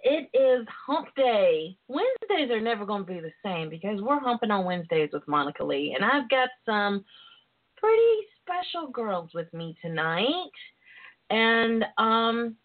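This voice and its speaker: A woman's voice: fairly high pitch, very animated, a little slow. A woman with a Southern US accent hosting a radio talk show, chatting in a casual, bawdy, playful and sassy way. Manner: playful, sassy, calls listeners pet names. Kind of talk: casual, bawdy girls'-night chat. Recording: muffled internet phone-in radio sound.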